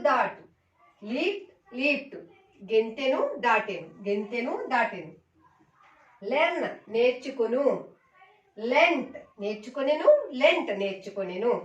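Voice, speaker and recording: A woman teaching a slow, repetitive vocabulary lesson, reciting each word and its meaning twice and speaking to viewers as friends. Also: on the high side, echoey room, distant mic, rough recording. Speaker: English teacher.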